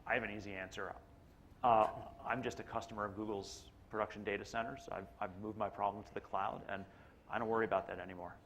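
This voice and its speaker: A man's voice: fairly low pitch, steady tone, fast talker, a bit bright, a little hiss or hum. A man on a conference panel, giving earnest, firm advice. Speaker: panelist CIO. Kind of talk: panel discussion.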